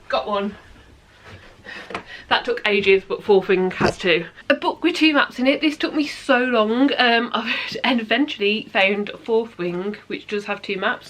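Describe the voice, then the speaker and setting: A woman's voice: mid-range voice, a bit bright, slight background noise. A British woman from the UK, chatting casually about her books in a rambling, giggly way. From United Kingdom. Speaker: book vlogger. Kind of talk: casual chat.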